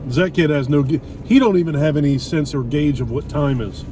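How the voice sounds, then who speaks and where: This middle-aged vlogger speaks briskly in a slightly high voice while chatting casually with his wife over a meal. His opinions come out bluntly, peppered with mild swearing. Heavy traffic and car noise surround a distant microphone.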